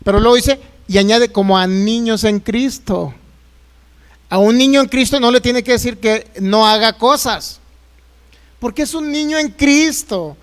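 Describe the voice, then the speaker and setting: A man's voice: very high-pitched, moderate pace, a bit bright, clean tone. A man preaching a sermon as a pastor, emphatic and acting out the voices he quotes.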